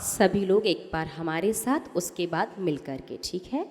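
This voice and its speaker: A woman, a Jain nun, teaching a hymn in a sermon-style lesson, chanting the verses slowly and correcting pronunciation line by line. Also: on the low side, expressive, a little mellow, in a large hall, a little hiss or hum.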